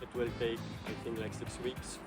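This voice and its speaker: A man's voice: medium pitch, level tone, normal speed, loud music behind the voice. A man from Syria, a guest on an interview, explaining visa steps in a friendly, hesitant way with many fillers. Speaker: guest, hotel HR worker. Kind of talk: casual interview. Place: outdoor park.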